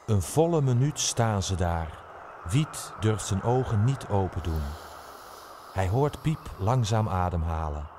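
A man narrating a children's musical stage play in a calm storytelling way. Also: fairly low pitch, a little slow, background noise.

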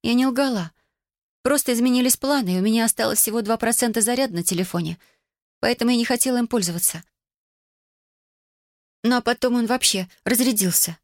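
A woman voicing a defiant teenage girl, high and whiny. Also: fairly quick, long pauses, no room sound, studio quality, lightly acted. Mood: defensive. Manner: whiny, indignant protests.

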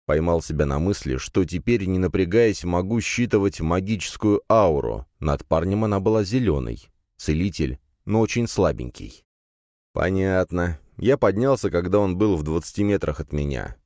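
A man narrating a fantasy audiobook in the first person, with steady storytelling. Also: low voice, moderate pace, dry recording, clean studio sound.

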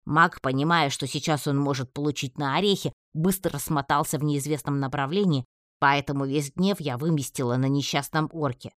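A reader narrating a first-person fantasy audiobook in a lively storytelling manner. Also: mid-range voice, moderate pace, dry recording, clean studio sound.

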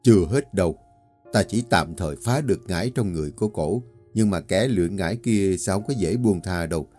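A man plays a stern old exorcist in a storybook horror tale, low and mellow in tone with a commanding, unhurried delivery. Faint music sits under him. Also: husky. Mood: grave. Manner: slow, weighty, authoritative.

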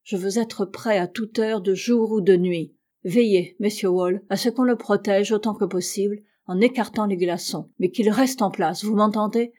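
A woman's voice: medium pitch, normal speed, few pauses, a little mellow, natural voice. Woman reading as a stern, bitter ship captain. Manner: curt and severe. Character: stern, proud, angry male ship captain.

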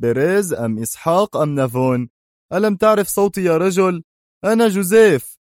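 A man's voice: sits high, fairly quick, no room sound, studio quality, pitched above the performer's own voice, natural voice. A man doing a stern commando officer. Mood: feigned cheer. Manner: stern, forceful.

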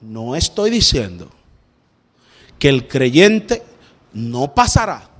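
A man preaching a sermon, asking rhetorical questions and building up to shouted, fervent passages. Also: medium pitch, very animated, slow pace.

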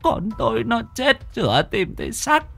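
A man doing a shrill wailing old village mother. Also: huge pitch swings, moderate pace, gravelly, fairly bright tone, dry recording, full character voice. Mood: wailing grief. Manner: shrill keening lament.

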